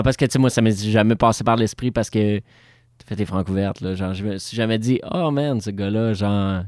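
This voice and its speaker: A man talks loosely and slangily, tossing in English interjections. His pitch sits in the middle range. He is recorded close and dry on a studio mic. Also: darkish tone, no room sound. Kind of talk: casual podcast conversation.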